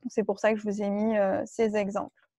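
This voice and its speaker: A woman runs an online training workshop, patiently walking her audience through each point with lots of fillers and restarts. Her voice is warm, mellow and mid-pitched but monotone and a little fast, recorded dry and close with no room echo.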